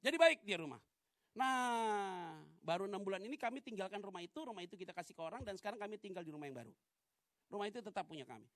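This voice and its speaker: A male pastor giving a colloquial, joking sermon. He swings between loud preaching and quiet asides and calls for amens from the congregation. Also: high voice, animated, fast talker, no room sound, clean studio sound.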